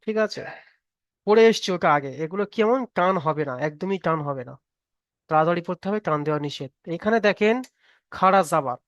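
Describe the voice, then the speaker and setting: High, clear-voiced man teaching patiently. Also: no echo, lo-fi sound. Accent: Bengali. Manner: patient, repeats each rule slowly, asks students to recite. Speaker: online Quran reading teacher. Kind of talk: live online class lesson.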